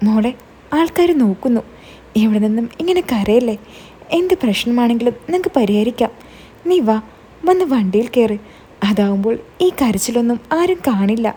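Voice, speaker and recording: A woman voicing a kindly, protective middle-aged man who gently consoles and reassures in a told story. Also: fairly high pitch, animated, moderate pace, slightly rough. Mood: concerned. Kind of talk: storytelling, quoted dialogue.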